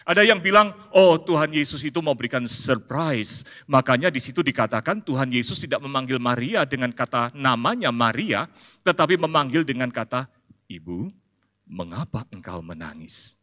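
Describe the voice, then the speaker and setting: A man preaching a sermon as pastor, animated and playful, swinging between high emphatic peaks and soft asides. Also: fairly quick. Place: large church hall. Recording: long hall reverb.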